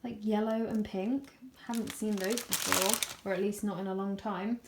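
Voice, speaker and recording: A woman's voice: medium pitch, steady tone, moderate pace, background noise. A young woman in her twenties chatting casually in a vlog, tired and out of breath, laughing often between fillers. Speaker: vlogger.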